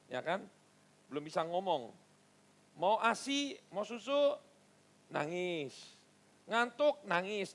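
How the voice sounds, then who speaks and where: A middle-aged male pastor, preaching a lively sermon and teasing the congregation. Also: high-pitched. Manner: lively, mixes stern asides with playful teasing of the congregation.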